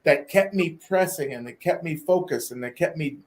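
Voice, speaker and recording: Male interview guest, slightly higher voice, animated storyteller, repeats himself. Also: normal speed. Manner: animated storyteller, repeats words, acts out quotes. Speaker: guest speaker.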